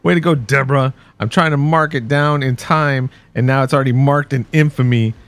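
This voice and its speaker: Gravelly man, rambling podcast chat. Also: medium pitch, brisk, a bit bright. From Texas. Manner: rambling, restarts mid-sentence, jokey. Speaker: podcast co-host. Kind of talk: casual chat.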